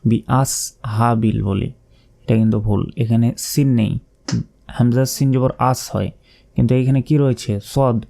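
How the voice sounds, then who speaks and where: Mellow-voiced teacher. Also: male voice, mid-range voice, vocal fry. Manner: slow, letter-by-letter drilling and correcting common mistakes. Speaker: Quran recitation teacher. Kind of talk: spelled-out Quran pronunciation lesson.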